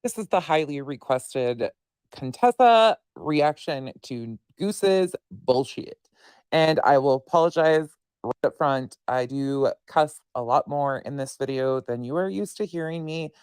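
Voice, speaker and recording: Brief: woman under a voice-changer effect, smooth and dry, blunt exasperated commentary creator. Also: sits low, animated, measured pace, a little mellow, no echo. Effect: voice changer disguising her voice. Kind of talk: reaction commentary.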